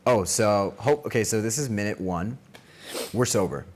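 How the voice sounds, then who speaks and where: A man's voice: fairly low pitch, moderate pace, a little mellow. A young man hosting a casual podcast, chatting in an informal, slangy, profane way with a friend. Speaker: podcast host. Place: villa in Greece, in-person podcast.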